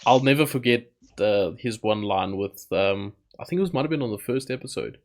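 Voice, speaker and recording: A man's voice: mid-range voice, expressive, fairly quick. A man co-hosting a wrestling podcast, giving blunt opinions and short agreeing replies. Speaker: podcast co-host. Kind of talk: casual wrestling review chat.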